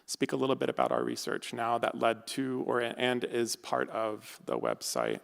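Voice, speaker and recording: A man gives an academic talk in a lecture hall. His voice is smooth and resonant, and a long reverb trails after his words. He speaks conversationally, often pausing on fillers and correcting himself. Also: mid-range voice, animated. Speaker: academic researcher giving a talk. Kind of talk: conference talk.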